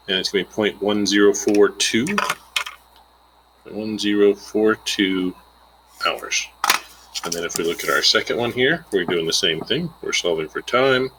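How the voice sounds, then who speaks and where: A man with a lowish voice gives a plainspoken, informal lesson against a noisy background. He's an instructor walking through a worked example step by step, thinking aloud as he calculates.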